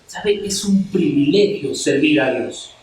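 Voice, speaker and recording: A man's voice: a little high, lively intonation, slow, a little mellow, a little hiss or hum. A man preaching a passionate sermon to a congregation, firing rhetorical questions at them as he speaks. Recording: very echoey church hall, mic at a distance.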